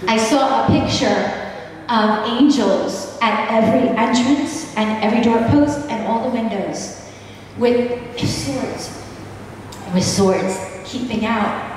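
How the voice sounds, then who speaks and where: On stage in a spacious wood-panelled church or hall, a middle-aged dance minister talks informally to a women's gathering, her medium-pitched voice warm, chatty and prone to tangents. She clears her throat again and again as her voice fades. She holds a mic, but the footage comes from a distant camera, leaving the audio noisy and echoey.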